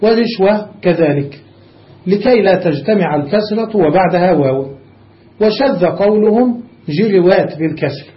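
High-voiced sheikh drilling grammar on dull tape. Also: male voice, lively intonation. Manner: quizzes students with rhetorical questions; recites word forms one after another in a measured, drilling way. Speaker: sheikh teaching Arabic grammar. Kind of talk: classroom lecture on grammar. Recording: dull lo-fi lecture recording.

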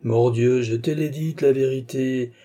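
A man's voice: medium pitch, fairly even intonation, measured pace, dark tone, close to an everyday voice. A man voicing an old, vain French duke who banters and dodges, his retorts rising in exasperation. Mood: exasperated. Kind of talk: audiobook character reading.

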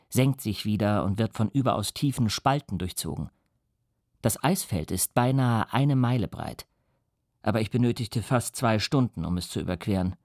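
A man giving a calm, even scripted audiobook narration. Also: on the low side, no echo, clean studio sound.

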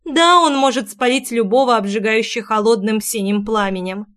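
A woman's voice: on the high side, normal speed, a bit bright. A woman narrating a first-person audiobook in an intimate, emotional reading.

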